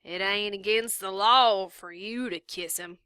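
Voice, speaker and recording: A drunken, leering sheriff voiced by a woman reading aloud stretches every word into a slow, lazy drawl. The tone is bright and clear, recorded dry with no room sound. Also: mid-range voice, no echo. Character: drunken leering male small-town sheriff.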